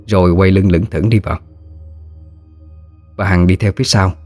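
Deep-voiced man narrating. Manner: steady storytelling. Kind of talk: scripted ghost story narration.

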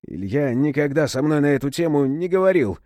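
A man's voice: fairly high pitch, animated, fairly quick, dry recording, lightly acted. An angry, swaggering sauna brawler, as a male narrator puts him on in an audiobook, spitting curses and threats in a raised, strained voice. The delivery is dry and close. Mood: defiant. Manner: shouting, cursing, defiant. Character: hot-tempered brawny male sauna instructor.

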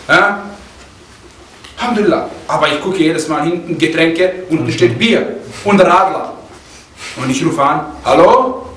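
A man giving a religious lesson, reading quotes quickly in Arabic and then explaining them with anecdotes, often asking "ja?" and growing indignant in his stories. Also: high voice, a bit bright, distant mic, a little hiss or hum. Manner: grows heated and indignant when telling a story. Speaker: religious teacher. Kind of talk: lecture explaining hadith with anecdotes. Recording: roomy sound, speaker away from the mic.

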